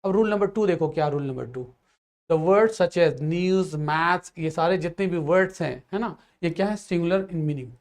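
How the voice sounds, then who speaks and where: A man's voice: a little high, moderate pace, hardly any pauses. A man with an Indian accent teaching an English grammar lesson to exam students, explaining patiently and often checking that they follow.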